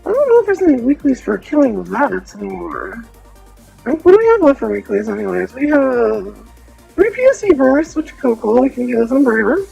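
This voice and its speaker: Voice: high voice, sing-song, a little fast, creaky, dark tone, slightly rough, muffled recording, faint music behind. A VTuber streamer talking through a voice changer filter, chatting casually with viewers while gaming and often trailing off mid-sentence.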